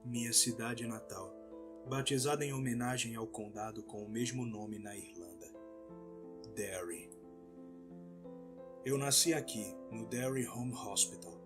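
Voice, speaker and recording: A man narrating an audiobook in a measured, somber reading. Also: mid-range voice, over music. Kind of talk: scripted narration.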